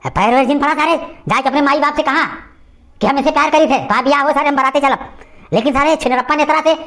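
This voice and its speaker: A woman voicing an angry old male village uncle in an animated cartoon comedy, ranting and scolding in an Awadhi accent. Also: high voice, fast. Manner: loud scolding, cursing rant.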